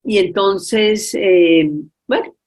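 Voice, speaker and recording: A woman giving a storytelling religious talk over a video call, retelling a story with many filler pauses. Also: mid-range voice, darkish tone. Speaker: speaker at a forgiveness workshop.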